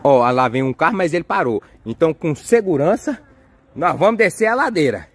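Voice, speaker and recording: A young father, filming his kids at play outdoors and narrating in an excitable, coaxing way. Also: fairly high pitch, brisk, breathy edge, dry recording. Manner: excitable, coaxing, cheers and exclaims often. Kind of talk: playful family vlog narration. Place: outdoors on a street and yard.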